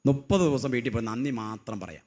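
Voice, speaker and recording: A middle-aged man preaching a sermon. He tells stories in a low voice, then loudly calls on the congregation to repeat his words after him. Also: expressive, brisk. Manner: rousing call-and-response, has the crowd repeat after him; swings from loud emphatic cries to low storytelling. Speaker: lay preacher.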